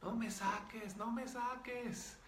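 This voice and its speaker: A man's voice: fairly even intonation, takes it slowly, a bit bright, slight background noise, heavily acted. Brief: frightened child spirit, girlish pleading cries, performed by a man, roomy room. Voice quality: high pleading cry. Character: frightened little girl spirit.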